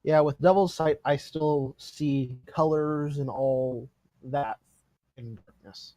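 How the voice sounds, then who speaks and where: Wry man with a slightly high voice. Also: fairly even intonation, slow, warm tone, no echo, poor audio. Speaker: player. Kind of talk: casual tabletop game chat.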